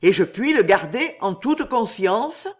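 A man's voice: sits high, sing-song, measured pace, pitched above the performer's own voice, full character voice. A man voicing a humble prison concierge in a storybook reading, deferential and astonished. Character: humble old male prison concierge, awed and eager.

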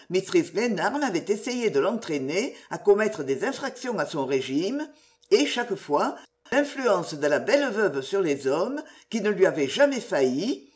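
Expressive woman narrating an audiobook. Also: medium pitch. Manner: expressive, measured storytelling.

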